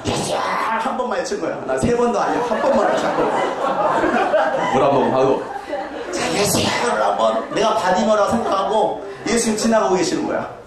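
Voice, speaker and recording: A male pastor preaching a sermon, shouting out dramatic reenactments and urging the congregation to join in. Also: high voice, expressive, fairly quick, very echoey, far from the mic, a loud crowd.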